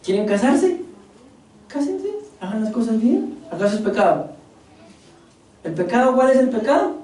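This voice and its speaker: A woman's voice: fairly high pitch, animated, normal speed, warm tone. A woman preaching a sermon, firing rhetorical questions and calling the congregation her beloved brothers. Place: church hall. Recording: echoey hall, voice from far off.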